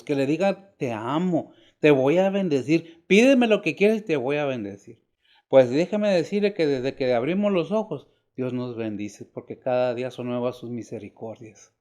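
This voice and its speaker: Older man, pastor, sermon, slightly high voice, warm low-bright tone, rhetorical questions. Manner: rhetorical questions, emphatic rises and quiet drops.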